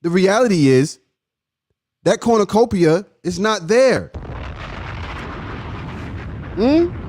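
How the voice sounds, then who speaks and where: Animated high-voiced man teasing his viewers. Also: takes it slowly. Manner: playful, teasing, questioning the audience; laughs often, swings from loud to hushed. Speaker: host of a live stream. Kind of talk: casual live-stream chat with viewers.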